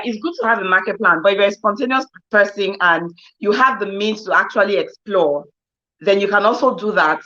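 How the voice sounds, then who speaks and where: A woman's voice: mid-range voice, fairly bright tone. A woman hosting a casual interview, summing up her guest's points and asking follow-up questions. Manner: summarizes and prompts the guest with questions. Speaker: host. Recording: dull lo-fi sound.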